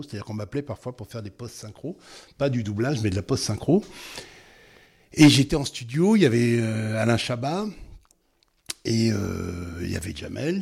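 A man, a voice actor, telling anecdotes in a relaxed interview, with frequent hesitations and fillers. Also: fairly low pitch, gravelly, breathy edge. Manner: storytelling, hesitant with many fillers. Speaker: voice actor guest.

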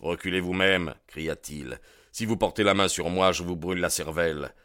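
A cool young male gang newcomer, as a male narrator voices him in an audiobook. His voice stays deep and firm, making level threats, in a dry, close recording. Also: a little slow, pushed and bright, no echo, heavily acted.

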